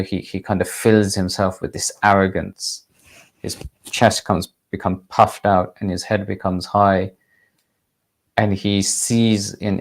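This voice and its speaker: A male religious teacher telling a moral story in a measured, unhurried way. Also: deep voice.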